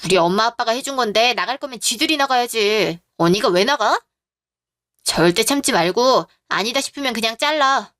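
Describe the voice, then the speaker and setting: A woman's voice: on the high side, animated, moderate pace, a bit bright, dry recording, clean studio sound. Woman as a blunt protective younger friend. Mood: urging. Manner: blunt, urging. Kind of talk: radio drama reading.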